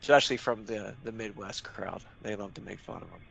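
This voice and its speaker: Gravelly, forceful-voiced male commentator. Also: fairly low pitch, fairly quick. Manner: joking, chuckling banter. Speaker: sports commentator. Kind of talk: casual live sports commentary.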